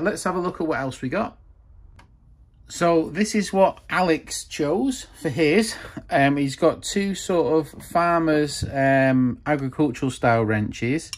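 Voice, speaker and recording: A man's voice: mid-range voice, a little hiss or hum. Rambling man showing off old wrenches. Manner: rambling, hesitant with frequent ums. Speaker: tool collector vlogger. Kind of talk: casual show-and-tell narration. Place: workshop, hands over a wooden bench.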